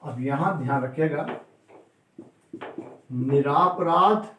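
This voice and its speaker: A man's voice: fairly high pitch, darkish tone, reverberant, a little hiss or hum. A man teaching a grammar lesson, stressing and stretching key words and answering his own questions to the class. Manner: emphatic, repeats and drags out key words; asks students questions and answers them himself.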